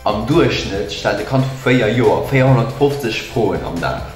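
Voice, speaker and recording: A man's voice: lowish voice, lively intonation, moderate pace. Young luxembourgish guy chatting through facts and tricks, roomy echo, music behind. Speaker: video co-host. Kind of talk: casual chat presenting facts and tricks. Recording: echoey room with music behind.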